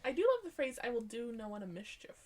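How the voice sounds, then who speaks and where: Woman co-host, wry quipper, animated pitch, easy laugh. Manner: wry, quick quips and laughter. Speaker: podcast co-host. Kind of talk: casual chat.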